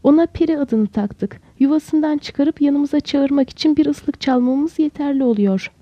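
Give me a kindly young woman with a soothing manner and a high, mellow voice, read by a woman narrator. The recording is dry and dull, with a lo-fi edge. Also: normal speed, dry recording, close to an everyday voice. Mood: reassuring. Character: gentle reassuring young woman.

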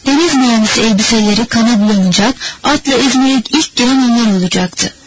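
A woman narrating a novel as an audiobook in a measured, steady reading manner. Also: fairly high pitch, a little hiss or hum, poor audio. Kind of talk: scripted narration.

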